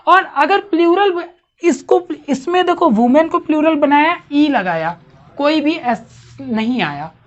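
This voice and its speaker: A woman's voice: sits high, lively intonation, takes it slowly, dull audio. A woman teaching a grammar lesson to a class, asking questions and checking understanding often.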